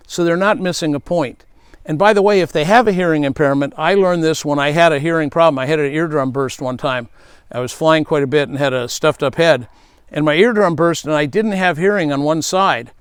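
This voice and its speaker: Speaking to camera, a middle-aged man who works as a safety speaker shares earnest advice and tells stories from his own past. His voice is a little high, clear and resonant, with no echo.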